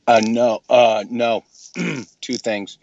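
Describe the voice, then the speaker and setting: A man who runs a clinic, talking casually and emphatically in a group discussion, often clearing his throat. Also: medium pitch, extremely slow, darkish tone, muffled recording. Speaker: clinic owner.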